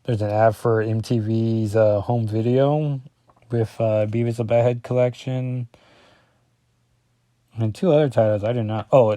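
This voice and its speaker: Male comic reviewer, mellow low-key tone, dry close sound, rambling and jokey. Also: no echo. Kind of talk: casual comic book review.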